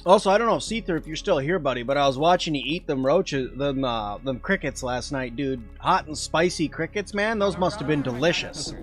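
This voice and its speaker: A man chats away as he plays a game on a live stream, reading and answering his viewers' questions as he goes. His voice sits a bit high for a man, and faint music plays underneath. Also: animated, a little fast, hardly any pauses. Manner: chatty, answers chat while playing. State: eating while talking at times. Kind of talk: casual live game commentary.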